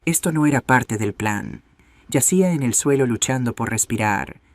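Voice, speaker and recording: A man reading a dramatic first-person story in steady narration. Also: mid-range voice, normal speed, no room sound.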